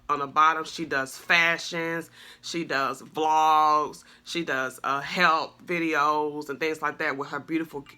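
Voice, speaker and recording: A woman in her thirties chatting casually to her channel, rambling with lots of fillers and speaking into a phone. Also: low voice. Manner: warm, effusive thanks to a friend. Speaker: vlogger. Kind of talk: casual chat to camera.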